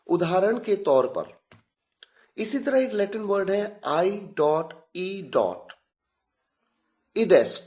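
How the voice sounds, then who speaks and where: A man with an Indian accent teaching a slow explanatory English lesson, spelling out examples slowly. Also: high voice.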